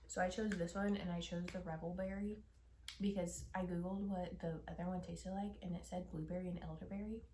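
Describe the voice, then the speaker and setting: A young woman chatting casually while she eats on camera, candid and swearing offhandedly, often dropping into soft whispered asides. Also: on the low side, fairly even intonation, brisk, reverberant, noisy background. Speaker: mukbang vlogger. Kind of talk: casual mukbang chat while eating.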